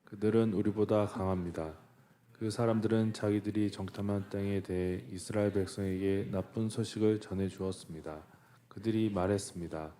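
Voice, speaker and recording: Male deacon, low mellow voice, earnest scripture reader. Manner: earnest, declamatory reading. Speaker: church deacon. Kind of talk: scripture reading.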